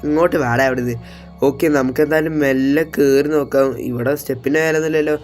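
A man role-playing a gangster in a game, talking to his viewers loudly, dramatically and in a panicky, bossy way. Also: medium pitch, steady tone, fast talker, soft background music. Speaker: gameplay streamer.

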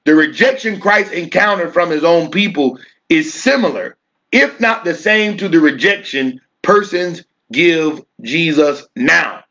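A male pastor with a fairly high voice teaches a church bible study. He preaches more than he chats, circling back over his own phrases. He drags out key words for emphasis. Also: bright, forceful tone, muffled recording. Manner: preachy, repeats phrases, slows down to stress words.

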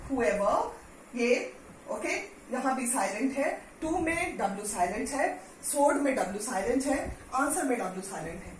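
A woman teacher with an Indian accent giving a spoken English pronunciation lesson, drilling words slowly and switching between English and Hindi. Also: sits high. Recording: echoey room, distant mic, faint hiss.

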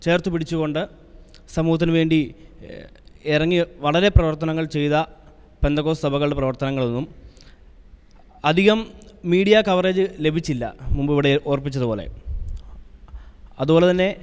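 Smooth-voiced man, deliberate and pausing. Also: a little high, in a large hall. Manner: deliberate, pausing between phrases. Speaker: panelist. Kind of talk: panel discussion.

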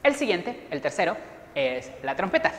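A woman music teacher giving a lively class to young children, explaining instruments and getting them to join in. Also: fairly low pitch, moderate pace. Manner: lively, encouraging, leads children in rhythmic sound imitations. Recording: echoey room with long reverb.

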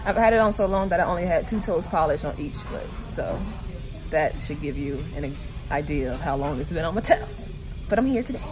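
A woman's voice: low voice, animated, fairly quick. A woman in her twenties chatting candidly to her phone camera, laughing often. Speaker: beauty vlogger. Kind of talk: casual vlog chat. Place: home living room and nail salon. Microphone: phone camera at arm's length.

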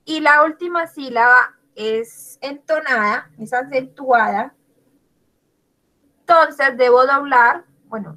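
A woman's voice: sits high, sharp tone, low-quality recording. A woman teaching an English grammar class in Spanish, spelling out words letter by letter and praising her students by name. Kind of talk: online class explaining grammar.

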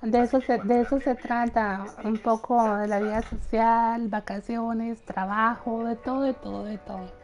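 A woman's voice: a little high, steady tone, a little slow, hardly any pauses, a little mellow. Chatty young woman livestreaming a game. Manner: chatty, laughs often, reads out chat greetings. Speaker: gaming livestreamer. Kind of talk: casual live gameplay chat. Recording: faint game music behind.

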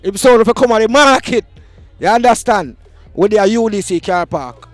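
A man's voice: high-pitched, expressive, normal speed, no room sound, faint music behind. A Jamaican man hosting a street vlog at an outdoor market, hyped and chanting a catchphrase. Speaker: vlog host.

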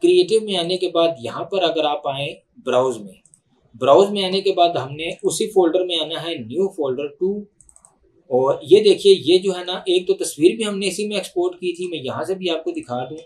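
A man with a Pakistani Urdu accent walks through a software tutorial at his computer, unhurried and thinking aloud with fillers and restarts. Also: on the high side. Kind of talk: screen-recorded tutorial explanation.

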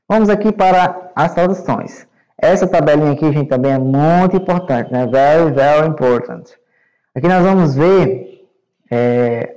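A Brazilian male English teacher giving a recorded online class to young students, explaining slowly and patiently and checking understanding often. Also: on the high side, warm tone, low-quality recording. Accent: Brazilian Portuguese. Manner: repeats words and checks with "né?" and "certo?".

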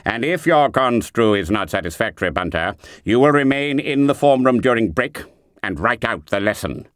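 A man's voice: medium pitch, lively intonation, normal speed, a bit bright, smooth, no echo, clean studio sound, natural voice. A man voicing a stern, wrathful schoolmaster who speaks in clipped, biting phrases. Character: stern older male form master, wrathful.

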